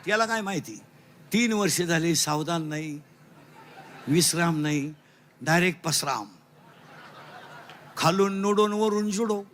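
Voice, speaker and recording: A man with a Marathi accent giving a comic devotional sermon, loud and teasing, quizzing his listeners in call-and-response and mixing in broken English lines. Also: on the high side, a little slow, long pauses, a little hiss or hum. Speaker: kirtan preacher.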